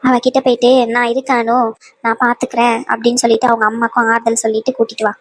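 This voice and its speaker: A woman's voice: a little high, completely flat delivery, quick pace, natural voice. A woman voicing a wise old grandmother in a cartoon, scolding and advising by turns. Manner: scolding yet soothing, full of advice. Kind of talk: cartoon voice acting.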